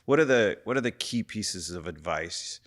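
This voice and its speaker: A man's voice: sits low, lively intonation, normal speed, a bit bright. A man hosting a podcast interview, asking long, searching questions. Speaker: podcast host.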